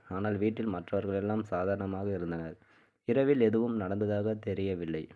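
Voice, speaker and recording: A man narrating a first-person short story in a steady, even reading style. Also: on the low side. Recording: tinny phone-like sound.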